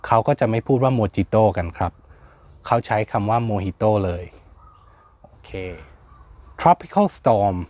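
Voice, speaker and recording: A man's voice: lowish voice, sing-song, slow, long pauses, darkish tone. A man hosting a plant channel, explaining names in a casual, hesitant way with many fillers and spelling words out letter by letter.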